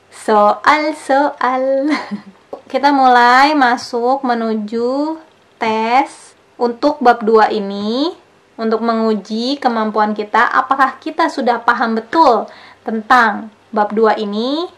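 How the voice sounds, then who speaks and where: A woman's voice: on the high side, a bit bright. A young woman teaching a language lesson online, explaining patiently in a casual, chatty way.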